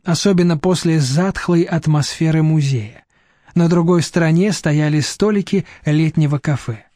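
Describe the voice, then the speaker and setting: Dark-voiced male audiobook narrator. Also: on the high side, no room sound, clean studio sound. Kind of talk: scripted narration.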